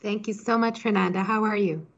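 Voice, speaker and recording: A startup founder in her thirties, born in Switzerland and raised in Hong Kong, chats as a podcast guest, sprinkling her answers with "you know." Her medium-pitched, gravelly voice is steady and fairly quick, and the recording sounds muffled.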